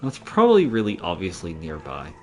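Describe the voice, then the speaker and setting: A man's voice: low voice, huge pitch swings, brisk, a little mellow. A man giving casual, sweary, joking gameplay commentary to a friend. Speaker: gamer playing through a video game.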